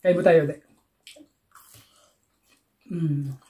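A woman's voice: deep voice, steady tone, extremely slow, dark tone, a little hiss or hum. A woman from the Philippines with a Filipino accent, chatting casually in a family vlog and switching easily between Tagalog and English. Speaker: vlogger and mother.

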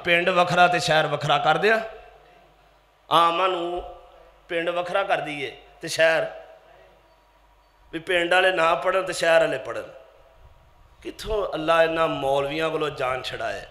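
A high, bright-voiced man preaches a Friday sermon. His voice rings through an echoey mosque over a faint hum. He drops to hushed asides, then shouts his exhortations and quizzes the listeners with rhetorical questions. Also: steady tone, normal speed, pauses often.

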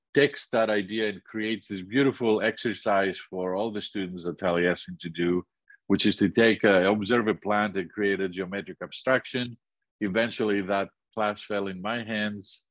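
An older Greek man who teaches architecture gives an illustrated lecture over a video call in a Greek accent. His fairly low voice comes through with no room sound, and he is thoughtful, with many restarts and pauses.

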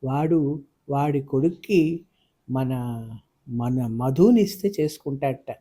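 Man reading as a worried, hushed father. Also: medium pitch, takes it slowly. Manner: hushed, hesitant. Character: worried middle-aged father, tender and anxious.

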